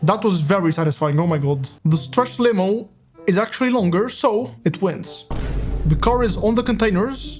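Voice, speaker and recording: A young man streaming and commenting on a driving game in a casual, joking way, swearing often and laughing at his own crashes. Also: sits high.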